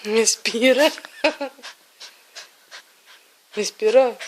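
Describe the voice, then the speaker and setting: A woman, talking in baby talk to her dog at home with high-pitched cooing that shifts into soft soothing. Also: drawn-out words. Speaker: dog owner.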